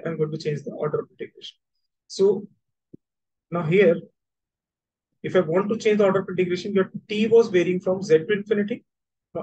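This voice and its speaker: A man's voice: high-pitched, mellow, husky, poor audio. A man with a North Indian accent teaching an online maths lesson, repeating his points as he explains. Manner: repetitive explaining, switching between languages, checking understanding.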